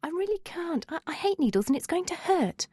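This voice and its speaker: A woman's voice: mid-range voice, big pitch swings, brisk, a little mellow, breathy edge, no echo, clean studio sound. A woman narrator voicing a squeamish, dramatic teenage girl who protests and pleads in a whiny manner. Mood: pleading.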